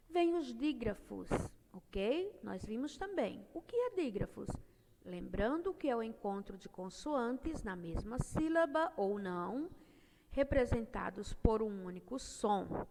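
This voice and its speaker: A woman teacher slowly explaining a grammar lesson to children, reading out example words one at a time. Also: on the high side, gravelly. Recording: long reverb, faint noise.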